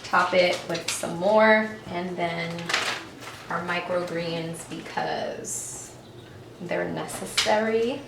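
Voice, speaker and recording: A woman vlogger chatting casually in her home kitchen, relaxed and often trailing off quietly. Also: fairly low pitch, takes it slowly, vocal fry. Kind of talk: casual chat. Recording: roomy kitchen echo, faint noise.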